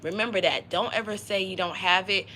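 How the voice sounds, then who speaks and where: A woman's voice: mid-range voice, brisk, pushed and bright, slight background noise, low-quality recording. A woman giving a casual, motivational tarot reading on a livestream, talking in a slangy, conversational way. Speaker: tarot reader.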